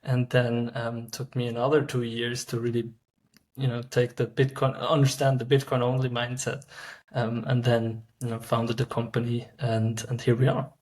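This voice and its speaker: Flat-voiced man in his thirties. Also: medium pitch. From Switzerland. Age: 30s. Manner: halting, many fillers and restarts. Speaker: startup founder guest. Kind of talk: casual interview answers.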